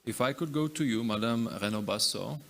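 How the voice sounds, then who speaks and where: A man moderating a panel, polite and measured as he poses long questions. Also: medium pitch, vocal fry, a bit bright. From Czech Republic.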